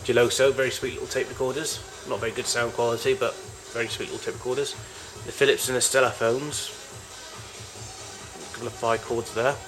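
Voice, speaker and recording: Over music on a rough recording, a collector gives off-the-cuff show-and-tell of vintage tape recorders. He speaks in a flat, mid-range voice, hesitant and meandering, regularly fixing his own words.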